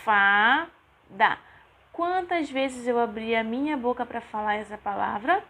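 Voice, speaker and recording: A woman's voice: a little high, normal speed. A woman teaching young children in a recorded lesson, with a patient sing-song way of breaking words into syllables. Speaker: primary school teacher.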